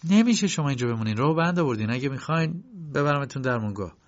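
A man's voice: medium pitch, creaky. A man voicing a talkative, fussy young woman who helps out at an office, in a dull lo-fi recording. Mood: impatient.

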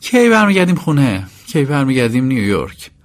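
A man's voice: high-pitched, big pitch swings, voice pushed up. A man voicing an irritable, whiny rich young wife in a storybook reading, complaining and nagging. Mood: impatient.

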